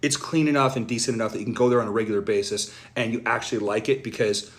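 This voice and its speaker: A man's voice: mid-range voice, quick pace. A man talking to camera in an exasperated, complaining way.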